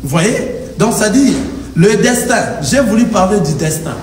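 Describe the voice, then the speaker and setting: In an echoey church hall, a man with a high voice delivers a very animated sermon at a measured pace, his rhythmic, emphatic preaching drawing amens in call-and-response. A distant mic picks him up along with faint noise.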